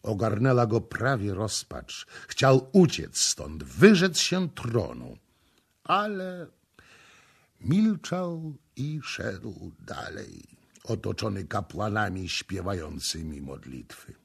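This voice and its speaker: A man reading a historical novel aloud as an audiobook narrator, with dramatic, measured storytelling. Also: lowish voice, sing-song, vocal fry, slightly rough. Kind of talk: scripted narration.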